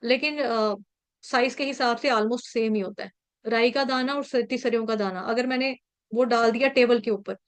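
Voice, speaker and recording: A woman with a high, light voice leads an online scripture class over a video call. She walks through pronunciation one syllable at a time, patient and repetitive, often checking that her listeners are following. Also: steady tone, moderate pace. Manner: patient, repeats points and checks in with "ठीक है".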